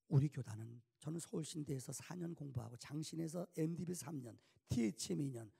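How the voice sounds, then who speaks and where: Gravelly Korean preacher in reverberant church. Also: male voice, fairly high pitch. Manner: conversational, asks the congregation questions, bursts to shouting. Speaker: guest revival preacher. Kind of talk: revival sermon. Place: church sanctuary. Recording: long church hall reverb.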